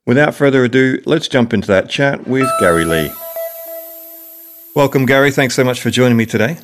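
A man hosting a podcast, introducing his guest and asking friendly, halting questions. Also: mid-range voice, lively intonation, over music. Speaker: podcast host. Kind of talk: podcast interview.

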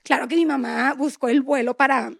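A woman's voice: high voice, steady tone, a little fast, gravelly, no room sound. A woman in her thirties with a Mexican accent, a podcast guest telling a personal story with feeling, colloquial and tearful at moments. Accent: Mexican Spanish. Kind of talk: emotional storytelling.

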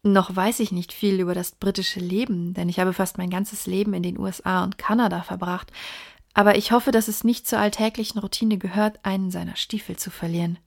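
A woman's voice: medium pitch, fairly even intonation, brisk, creaky. A woman reading the part of a plainspoken young male baronet raised in America, in an audiobook.

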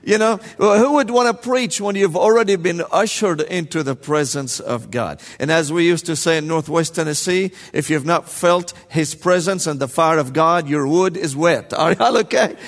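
Lively high-voiced preacher, echoing hall. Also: male voice, normal speed, hardly any pauses. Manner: lively, joking, calls to the congregation. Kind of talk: sermon. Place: large church sanctuary.

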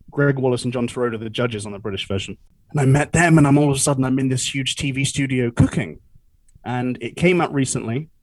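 A man's voice: mid-range voice, no room sound, rough recording. A young man chatting as a podcast guest, laughing often and poking fun at himself. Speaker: podcast guest, cruise ship entertainer. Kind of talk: casual interview chat.

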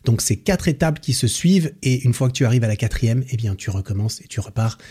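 Male podcast host, dark husky tone, chatty and enthusiastic, slangy, lots of fillers. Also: medium pitch, lively intonation, fairly quick. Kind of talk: casual book summary.

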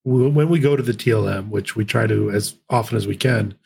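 Male guest, gravelly, measured casual talk. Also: on the low side, a little mellow. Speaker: podcast guest. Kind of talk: casual chat.

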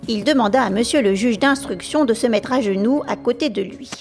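Woman narrating with a gravelly edge. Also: fairly high pitch, soft background music. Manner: steady, measured storytelling. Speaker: podcast storyteller. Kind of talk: audiobook narration.

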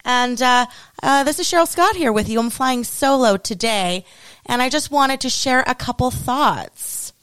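A woman's voice: high voice, expressive, unhurried, fairly bright tone, no room sound. A woman hosting a solo podcast, ranting with sarcasm and heavy swearing. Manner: sarcastic, swears freely, swings between mock praise and outrage. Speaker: podcast host. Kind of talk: solo opinion podcast rant.

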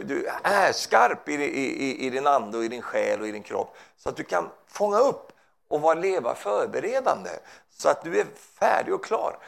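Very gravelly fervent male preacher. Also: fairly high pitch. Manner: fervent, peppers his talk with hallelujahs and amens; rambling, with frequent restarts and asides. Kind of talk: informal preaching in a conversation.

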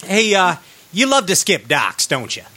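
A man hosting a fishing show in a casual, slangy, excitable and joking way. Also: high-pitched, measured pace. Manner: excitable, jokey, says dude often.

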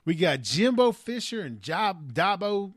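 A man co-hosting a sports podcast, giving game picks in casual chat and speeding up in animated bursts. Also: high voice, unhurried, dry recording, clean studio sound. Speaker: podcast co-host.

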